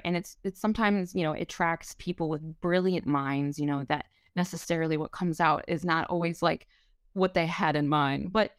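Low-voiced woman, rambling answers. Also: smooth, dry recording, clean studio sound. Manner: rambling, lots of fillers and restarts. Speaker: restaurant wine director. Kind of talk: podcast interview answers.

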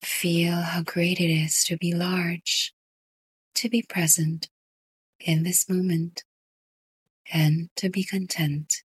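Slow, breathy whispering woman. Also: on the low side, flat delivery, no echo. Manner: slow, soft whispered delivery. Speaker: meditation guide. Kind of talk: guided sleep meditation.

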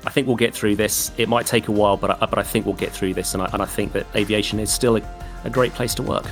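A man's voice: fairly low pitch, fairly even intonation, fast talker, soft background music. A British man, a former military pilot, telling stories as a podcast guest in an earnest, anecdotal way. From Britain. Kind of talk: casual interview chat.

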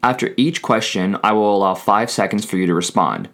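A man hosting a scripted language lesson, switching between English and Spanish in a measured way, with prompts and repeated phrases. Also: fairly low pitch, a bit bright.

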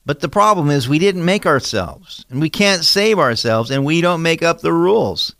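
A man's voice: fairly high pitch, animated, moderate pace, vocal fry, fairly bright tone, dry recording, clean studio sound. A man teaching through a Bible passage, reading verses aloud and explaining them in an earnest, emphatic way with rhetorical questions. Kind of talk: expository sermon reading and explaining scripture.

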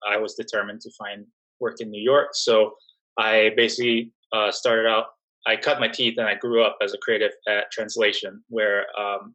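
A young adult man from Singapore, speaking as a guest in a casual interview, relaxed and full of fillers and restarts. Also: lowish voice, low-quality recording. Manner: relaxed, many fillers and restarts, laughs softly. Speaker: job-seeking guest.

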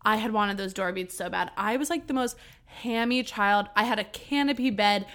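A woman's voice: mid-range voice, normal speed, fairly bright tone. A woman in her twenties from New York, co-hosting a podcast and telling a funny story with lots of laughter and casual swearing. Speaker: podcast co-host.

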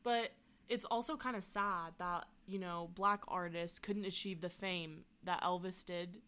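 A woman chatting casually about a movie, enthusiastic and quick to laugh. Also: on the low side, steady tone, sharp tone, clear, resonant tone. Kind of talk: casual chat about a film.

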